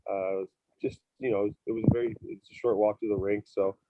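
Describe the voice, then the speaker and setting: A man with a lowish, fairly even voice gives casual interview answers. He speaks as a hockey player recounting his season, loosely and conversationally, in a very dry recording. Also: normal speed, no room sound, narrow, tinny audio. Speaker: professional ice hockey player being interviewed.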